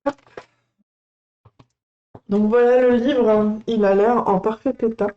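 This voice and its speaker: A woman hosting a coloring channel, gushing and excitable as she unboxes on a casual livestream and chats to her viewers. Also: on the high side, slow, highs cut off.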